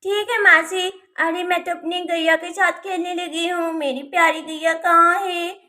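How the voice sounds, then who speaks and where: A cheerful little village girl in a doll storybook, voiced by a woman. Her voice is very high and bright, and she talks eagerly. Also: steady tone, measured pace, full character voice. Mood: chirpy. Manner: chirpy, eager.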